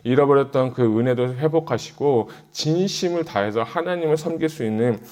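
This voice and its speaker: Middle aged pastor guy preaching, chatty, thinks out loud, gets urgent when he exhorts. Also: medium pitch, brisk. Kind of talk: sermon, Bible exposition.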